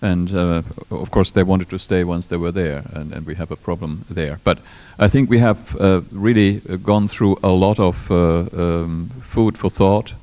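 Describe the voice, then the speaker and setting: A man chairing a panel discussion and opening the floor for questions, speaking haltingly with many filler sounds. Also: low-pitched, fairly even intonation, mellow.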